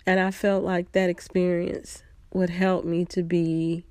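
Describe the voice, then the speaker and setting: A woman telling a personal story in a reflective, unhurried way, pausing often. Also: on the low side, level tone, darkish tone, no room sound.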